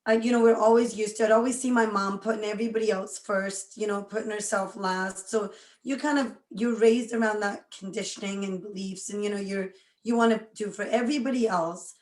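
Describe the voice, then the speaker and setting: A woman's voice: mid-range voice, steady tone, fairly quick, a little mellow, reverberant. A woman around forty from Scotland, a guest chatting with lots of energy and frequent laughs. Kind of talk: casual interview chat.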